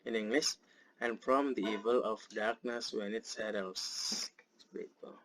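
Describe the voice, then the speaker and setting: A man with an Indonesian accent teaching a Quran recitation lesson, explaining each verse patiently and reciting it slowly. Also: lowish voice, steady tone.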